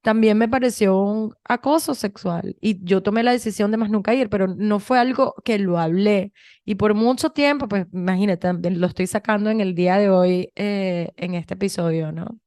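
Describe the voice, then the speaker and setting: A woman in her thirties from Venezuela with a Venezuelan Spanish accent, co-hosting a podcast and telling stories in a chatty, animated way with many restarts. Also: mid-range voice, normal speed, no echo, clean studio sound. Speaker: podcast co-host. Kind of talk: casual conversation.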